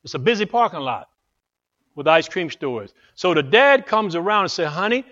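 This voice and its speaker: A male preacher with a high, very lively voice tells a story in a sermon, dramatically and with much repetition. The recording is slightly muffled. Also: normal speed.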